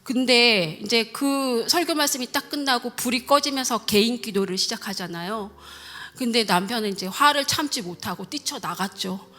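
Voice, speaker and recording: A middle-aged woman, a church deaconess, telling her testimony in a church with lively, emphatic storytelling. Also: fairly high pitch, normal speed. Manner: animated storytelling, full of emphatic sound words. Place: church sanctuary.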